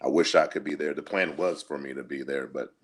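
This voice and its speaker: A man co-hosting a casual show from home, telling things in a halting, conversational way. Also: extremely low pitch, fairly even intonation, breathy edge. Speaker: podcast co-host. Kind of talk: casual chat, recounting events. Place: indoors at home, remote call.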